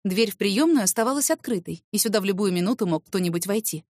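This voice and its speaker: A woman reading a first-person novel as an audiobook narrator, with expressive storytelling. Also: medium pitch, quick pace, dry recording, studio quality.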